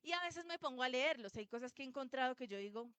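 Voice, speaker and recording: A woman's voice: sits high, animated, fast talker, fairly bright tone, clear, resonant tone, no room sound. A woman preaching a sermon to a church congregation, telling stories and putting questions to her listeners. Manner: storytelling, asks the congregation questions.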